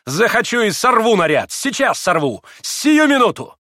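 A man voicing a proud, wild young woman who speaks in impassioned, shrill outbursts. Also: lively intonation, measured pace, dry recording, clean studio sound. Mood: frenzied.

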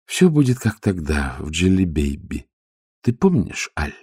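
A man voicing a calm male ruler with a dry, ironic manner. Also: sits low, measured pace, husky, no echo, full character voice. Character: cool, dry-witted city ruler, man.

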